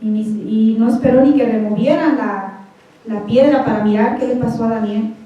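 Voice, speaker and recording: A woman's voice: a little high, fairly even intonation, moderate pace, mellow. Fervent woman preaching in echoey hall. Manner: fervent, calls out to the congregation often. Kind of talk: sermon. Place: church hall. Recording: echoey hall, voice from far off, dull sound.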